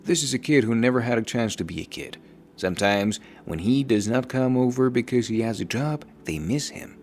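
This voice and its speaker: A man reading a scripted story aloud as narrator, in a steady, measured storytelling delivery. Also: medium pitch, soft background music.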